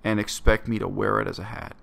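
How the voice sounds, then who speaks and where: Talking briskly in a steady, lowish voice that's gravelly and a bit bright, a man from Canada vlogs to his webcam. He sits in a small bedroom, reflecting on personal matters in an earnest, blunt monologue.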